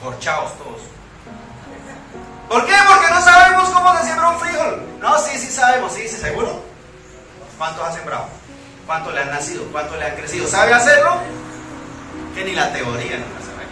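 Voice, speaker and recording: A man's voice: sits high, huge pitch swings, normal speed, pauses often, very echoey, distant mic, over music, low-quality recording. A man with a Colombian accent preaching a sermon as pastor, putting rhetorical questions to the congregation.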